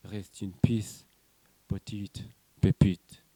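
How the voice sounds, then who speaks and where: A man's voice: on the low side, level tone, extremely slow, warm tone. A man from Senegal, performing slam poetry in rhythmic declamation full of wordplay and repeated refrains. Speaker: slam poet.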